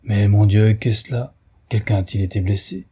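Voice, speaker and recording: A man's voice: medium pitch, moderate pace, mellow, slightly rough, close to an everyday voice. A man reading an audiobook aloud, voicing a wary male naturalist who asks probing, overly polite questions. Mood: anxious. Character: smooth, wary male naturalist hiding alarm.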